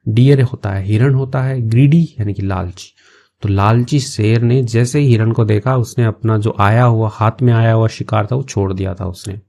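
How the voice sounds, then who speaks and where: Gravelly-voiced man teaching English. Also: on the low side, a little mellow. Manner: slow, patient word-by-word explanations. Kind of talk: explaining an English story in Hindi.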